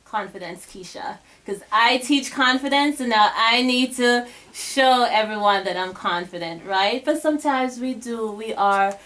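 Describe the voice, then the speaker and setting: A woman's voice: a little high, a little slow, few pauses, a bit bright, low-quality recording. A young woman giving a casual motivational talk to a group of girls, chatty, with many fillers and restarts. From Bahamas. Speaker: guest speaker to a girls' group.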